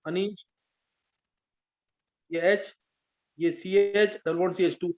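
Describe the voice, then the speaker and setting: High-voiced male chemistry teacher, lo-fi. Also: fairly even intonation, slow pace. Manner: patient, checks understanding often. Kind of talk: live online class teaching. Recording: dull lo-fi sound.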